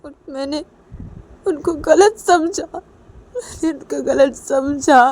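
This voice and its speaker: A woman's voice: sits high, slow. Woman playing a tearful, defiant young wife. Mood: tearful fury. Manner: pleading and crying, rising to shouts. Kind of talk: homemade story reading with voices.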